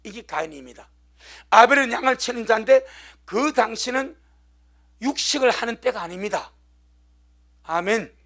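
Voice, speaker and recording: A middle-aged male pastor preaching a sermon, pressing his points through repetition and dropping from loud stresses to hushed near-whispers. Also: very high-pitched, animated, moderate pace, pauses often.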